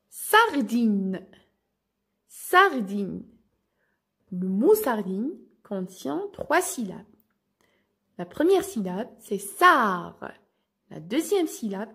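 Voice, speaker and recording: A woman teacher with a North African French accent, giving a slow phonics lesson for children and carefully spelling out each syllable. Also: mid-range voice, creaky, husky.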